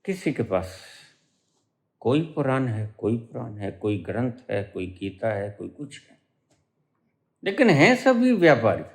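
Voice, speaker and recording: A middle-aged male spiritual teacher delivering a discourse at an unhurried pace. His pitch swings widely as he leans on key words, pauses for effect, then lifts his voice to drive a point home. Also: big pitch swings. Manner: slow, emphatic preaching with dramatic pauses and rising stresses.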